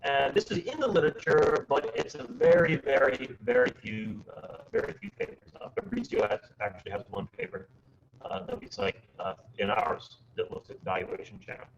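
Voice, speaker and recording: Man lecturing over low sample rate audio. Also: creaky. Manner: halting, filler-heavy delivery with lively intonation. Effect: low sample rate, robotic-sounding online audio. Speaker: seminar presenter. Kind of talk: academic research talk. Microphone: computer mic on a video call. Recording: dull lo-fi video call audio with faint noise.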